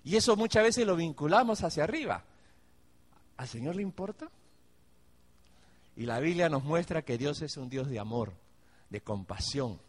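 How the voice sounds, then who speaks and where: A man's voice: fairly high pitch, sing-song, moderate pace, pauses often. A man preaching a sermon, speaking directly to his congregation and acting out the pleas of worried believers. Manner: acts out pleading believers in raised voice. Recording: long hall reverb.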